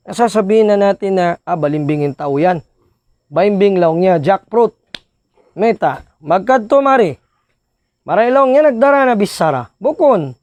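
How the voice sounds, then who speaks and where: A man delivering an Islamic sermon in a fairly high voice. He slips between languages and calls out listeners by name, and the sound is close and dry, with no room echo. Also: darkish tone. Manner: mixes Tagalog with Bisaya and Arabic phrases, teasing audience members by name. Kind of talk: Islamic lecture.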